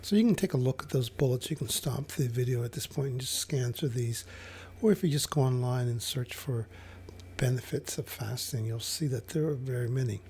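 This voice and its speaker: A man explaining fasting over slides in a casual, hesitant way, with many fillers and restarts. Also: mid-range voice, warm tone, a little hiss or hum. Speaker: health educator.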